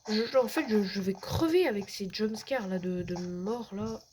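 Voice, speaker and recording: A woman's voice: mid-range voice, moderate pace. A woman giving let's play commentary, jumpy, swearing a lot and sometimes dropping into a whisper. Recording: noisy with clicks.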